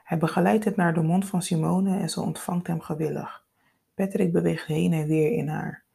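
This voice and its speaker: A woman reads a scripted story in a calm, unhurried, intimate way. Her voice is low and husky, with a gravelly fry and a dark, mellow tone. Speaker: narrator.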